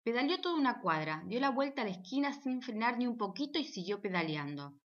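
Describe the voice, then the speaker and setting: A woman narrating a children's storybook in an animated, playful way. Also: a little high, brisk, lo-fi sound. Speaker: audiobook narrator.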